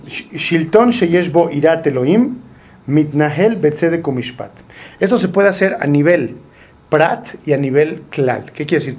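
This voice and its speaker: A man's voice: fairly high pitch, darkish tone. A man teaching a Torah study group, asking questions and translating Hebrew quotes. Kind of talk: informal study-group lesson.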